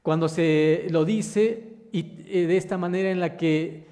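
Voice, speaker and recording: A man minister delivers a sermon in a church, his voice ringing with a long reverb. His tone is mellow and sits a little high for a man. He reads scripture, then turns to ask the congregation questions, calling them brothers. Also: steady tone, measured pace. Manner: addresses listeners as brothers.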